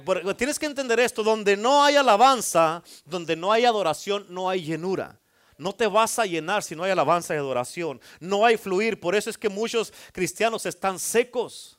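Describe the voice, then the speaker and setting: Male pastor, fiery preaching with a high voice. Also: animated, normal speed, fairly bright tone. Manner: fervent preaching with rising intensity, joking asides. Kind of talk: sermon.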